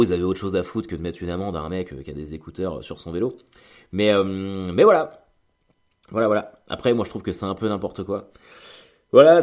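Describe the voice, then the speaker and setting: A man's voice: on the low side, darkish tone. A man telling a rambling, chatty story in a casual monologue, with many fillers and restarts and acted-out bits of dialogue.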